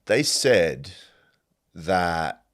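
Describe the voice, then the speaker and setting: Brief: podcast host, very low voice, rambling and profane, laughs a lot. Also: male voice, sing-song, very slow. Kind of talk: casual solo podcast monologue.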